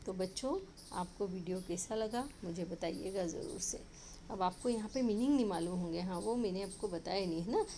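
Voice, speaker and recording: A woman teacher talks straight to young children, patient and clear. She draws syllables out slowly when she sounds out a word. Her voice sits at a middle pitch, with a faint hiss of noise in the background. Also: dark tone. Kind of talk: explaining a children's lesson.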